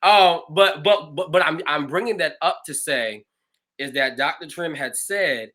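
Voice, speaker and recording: A man, a pastor hosting a livestreamed conversation, telling his own stories in an animated, expressive way. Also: a little high, unhurried. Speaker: pastor and show host.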